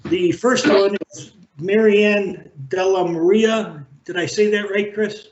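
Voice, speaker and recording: Slow, deliberate man chairing a board meeting. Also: high voice, fairly even intonation. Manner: halting, measured, many fillers and restarts. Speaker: library board president. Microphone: video call. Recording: roomy, dull video-call audio.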